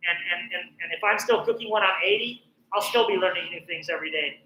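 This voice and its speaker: A man's voice: high voice, fast, pushed and bright, roomy sound, a little hiss or hum, low-quality recording. A middle-aged man from northern New Mexico, a professional chef giving a chatty, encouraging cooking class with plenty of "um" fillers. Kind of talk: casual cooking presentation.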